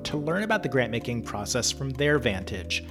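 A man reading scripted narration for a news feature in a smooth, polished way. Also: mid-range voice, very animated, normal speed. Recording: narration over clear background music.

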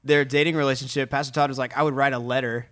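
A man in his twenties co-hosting a podcast, chatting casually and telling animated, jokey stories. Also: medium pitch, quick pace. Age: 20s. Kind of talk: casual chat.

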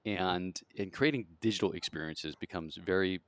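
A man hosting an interview, asking brisk, inquisitive questions. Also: deep voice, a bit bright, dry recording. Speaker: podcast host, interviewer.

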